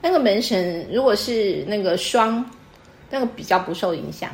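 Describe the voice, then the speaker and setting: Chatting casually in an echoey room, a woman walks a guest through local customs with teacherly patience, stopping to quiz her as she goes. She speaks at normal speed in an animated, mid-range voice.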